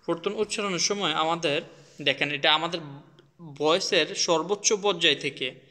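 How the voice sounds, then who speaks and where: Man, bright higher voice, casual tutor demonstrating sounds, reverberant room. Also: moderate pace. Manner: demonstrates sounds, mixes in English words. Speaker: language teacher. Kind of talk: casual video lesson.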